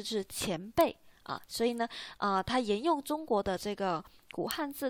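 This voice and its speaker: Female teacher, slightly high voice, dry close sound, patient and repetitive. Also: no room sound. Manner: patient, repetitive, asks "right?" often. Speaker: Korean language teacher. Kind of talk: online language lesson.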